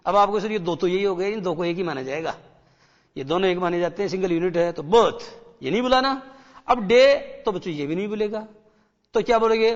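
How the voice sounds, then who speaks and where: A male teacher giving a classroom lecture, repeating key words, quizzing the children and slowing down to read English lines. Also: high voice. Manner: slows right down when reading English lines. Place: broadcast studio. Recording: dull sound with long hall reverb.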